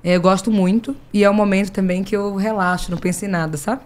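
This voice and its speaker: A woman with a Brazilian accent, a podcast guest who tells stories in a lively way and acts out the dialogue with laughter. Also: medium pitch, fast talker. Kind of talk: casual chat.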